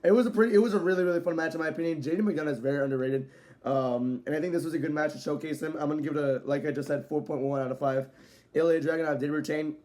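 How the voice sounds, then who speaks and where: A man's voice: a little high, fairly even intonation, racing, a little mellow. Casual rambling male video reviewer. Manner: rambling, loose delivery with frequent "so, yeah" fillers; at times speeds up. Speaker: wrestling show reviewer.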